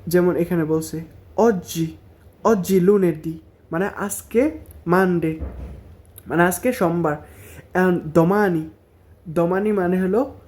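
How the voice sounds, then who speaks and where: Male tutor, unhurried, drills words syllable by syllable in a warm, low-key voice. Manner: repeats each word slowly, syllable by syllable. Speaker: Italian teacher. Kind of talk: language lesson.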